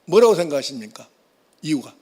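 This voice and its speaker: A man's voice: on the high side, big pitch swings, brisk, a little mellow. A man preaching a sermon as pastor, blunt and colloquial, putting questions straight to the congregation.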